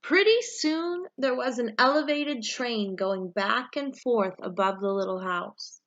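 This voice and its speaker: A woman reading a children's picture book aloud, with expressive, deliberate storytelling phrasing. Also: a little high, highs cut off. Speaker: story reader, read-aloud for young children.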